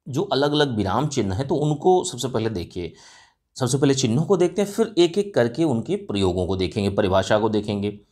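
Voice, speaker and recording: A man's voice: medium pitch, a little mellow. A male teacher giving an exam-prep lecture, explaining step by step and often asking and answering his own questions, with frequent fillers. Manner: frequent fillers and self-corrections.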